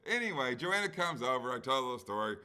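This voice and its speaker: Male podcast co-host with a bright, forceful voice, telling rambling casual stories. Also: medium pitch, big pitch swings, quick pace. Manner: rambling storyteller, heavy use of "like". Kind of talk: casual chat.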